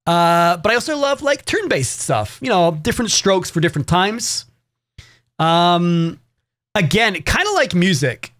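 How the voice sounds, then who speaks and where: A man's voice: high voice, big pitch swings, a little slow, a bit bright, no echo. A man streaming live who chats casually with his viewers, swears often and rambles in a sarcastic way. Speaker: variety streamer.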